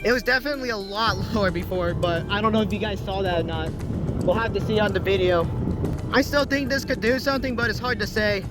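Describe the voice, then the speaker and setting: A man giving excited, urgent live storm-chase commentary into a phone, repeating his exclamations and often saying dude. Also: high-pitched, quick pace. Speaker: storm chaser filming a vlog. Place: roadside and in a car during a storm. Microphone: handheld phone close to the face. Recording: windy phone recording with music behind.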